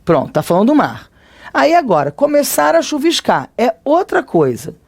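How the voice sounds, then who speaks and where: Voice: high-pitched, wildly swooping pitch, normal speed, gravelly. A teacher with a Brazilian Portuguese accent giving a recorded grammar lesson, explaining conversationally and checking in often with tag questions.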